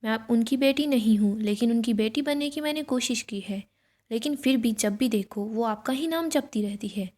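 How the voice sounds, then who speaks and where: A woman's voice: a little high, normal speed, close to an everyday voice. A woman reading as a resentful young woman. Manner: sharp, resentful retorts. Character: young woman angrily standing up to a guest.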